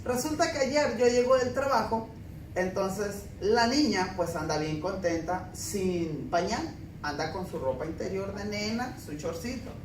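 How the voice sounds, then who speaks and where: A man's voice: high-pitched, animated, unhurried. A man preaching a sermon with emphatic swells and wry, down-to-earth asides. He is picked up from some distance in a reverberant church hall, with a faint hiss behind him. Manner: emphatic preaching mixed with homey humor and anecdotes. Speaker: pastor. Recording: echoey room, mic at a distance, faint background noise.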